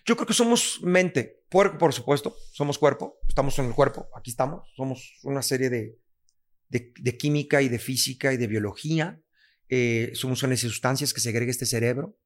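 A man's voice: medium pitch, fairly quick. A man with a Mexican accent, a podcast guest who speaks bluntly, swears freely and acts out other people's lines. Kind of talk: candid podcast conversation.

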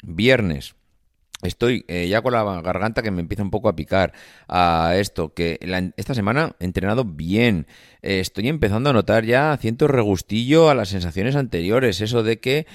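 A man with a Spain Spanish accent hosting a casual podcast monologue, hoarse and nasally congested from a coming cold, rambling with many hesitations. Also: on the low side, animated, moderate pace, dry recording, studio quality. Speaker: podcast host.

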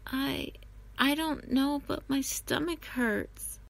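A woman voicing a curious young girl in a storybook, speaking softly and slowly in a light, wondering tone. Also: fairly high pitch, animated, low-quality recording. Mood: timid. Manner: soft, slow, wondering.

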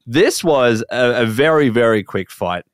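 A man's voice: mid-range voice, expressive, measured pace, dry recording, clean studio sound. A man hosting a casual podcast, upbeat and leading the talk with questions. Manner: upbeat, asks guest questions. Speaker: podcast host.

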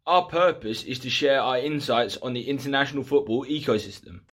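A man's voice: mid-range voice, brisk, fairly bright tone. A young man with an English accent, reading a scripted introduction as a podcast host. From England. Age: young adult.

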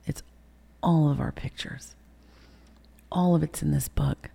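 Brief: middle-aged woman, mellow gravelly tone, candid interview guest, emotional, swears, acts out quotes. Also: sits low, steady tone, a little slow, in a whisper. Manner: emotional, profane, re-enacts quotes with sudden loud bursts.

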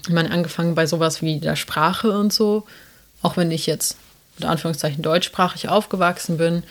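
On a podcast, a young adult co-host from South Tyrol, Italy talks casually in a South Tyrolean German accent, wandering off track with frequent fillers. Her low voice holds a steady tone and goes a little fast.

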